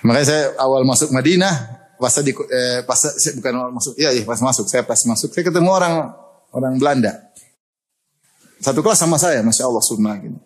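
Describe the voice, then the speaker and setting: A man giving a lively sermon, telling stories in an animated way and laughing often. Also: medium pitch, brisk. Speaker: preacher.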